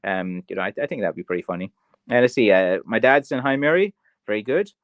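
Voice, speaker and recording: Low-voiced man with a mild Kerry accent. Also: lively intonation, fast, no room sound. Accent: Kerry, west of Ireland, mild. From County Kerry, Ireland. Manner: rambling, tongue-in-cheek. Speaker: craftsman streamer selling blackthorn sticks. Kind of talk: casual livestream chat, answering viewer comments.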